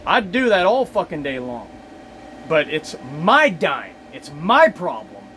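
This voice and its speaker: A man's voice: fairly high pitch, huge pitch swings, takes it slowly, pushed and bright, a little hiss or hum. A man, a delivery driver, talking to camera in a casual, exasperated, profanity-heavy rant. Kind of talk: casual ranting monologue.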